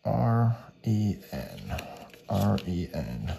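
A man with a lowish, gravelly voice talks casually through a task at an unhurried pace. He often mutters to himself in short fragments, calling out single letters as he goes. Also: sing-song, warm tone, a little hiss or hum. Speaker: host of a scratch ticket video. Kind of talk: casual running commentary on a task.

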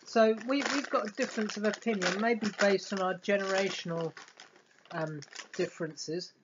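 A man's voice: high-pitched, fairly even intonation, moderate pace. A middle-aged man chatting casually as he reviews snacks, in a hesitant, musing manner. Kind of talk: casual tasting chat. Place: living room, indoors. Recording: dull lo-fi webcam sound with noise.

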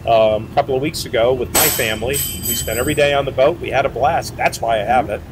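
A man's voice: medium pitch, fast. A middle-aged man representing a boat maker, answering interview questions casually and rambling with many fillers and restarts, seated outdoors beside a boat. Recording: outdoor noise behind.

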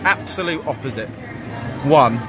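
A British man vlogging on a casino floor, excitable and laughing as he talks. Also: mid-range voice, measured pace, over a noisy crowd. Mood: amused. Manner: excitable, laughing, exclaims loudly. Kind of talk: casual vlog commentary. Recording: loud casino music behind.

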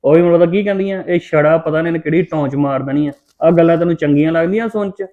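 Brash teasing Punjabi man, rapid talk. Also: a little high, phone-quality sound. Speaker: brother in a family drama. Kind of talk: Punjabi web-series acting.

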